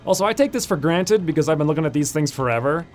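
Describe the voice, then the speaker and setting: A man's voice: a little high, lively intonation, fast. A man hosting a let's play, talking casually through his gameplay and thinking aloud with frequent fillers. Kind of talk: gameplay commentary.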